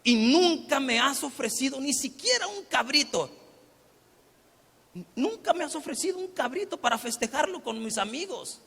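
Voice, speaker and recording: A man's voice: very high-pitched, lively intonation, normal speed, vocal fry, fairly bright tone, in a large hall, pitched above the performer's own voice, exaggerated voice. A male preacher voicing a resentful young elder son who complains reproachfully to his father in a sermon retelling. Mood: bitter, reproachful.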